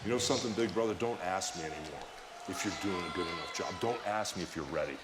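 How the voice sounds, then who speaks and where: Low-voiced man in an echoing room. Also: fast. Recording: roomy, noisy, echoing sound.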